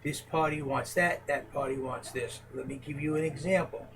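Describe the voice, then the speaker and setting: A man's voice: fairly high pitch, fairly even intonation, moderate pace, background noise. A man answering interview questions as a presidential hopeful in a casual home chat, earnest and emphatic.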